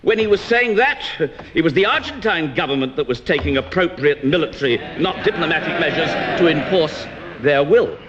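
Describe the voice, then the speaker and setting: A man's voice: on the high side, animated, moderate pace, a loud crowd. A man, a member of Parliament in opposition, giving a declamatory debate speech in the House of Commons, firing pointed rhetorical questions. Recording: dull, faintly noisy 1982 off-air radio recording.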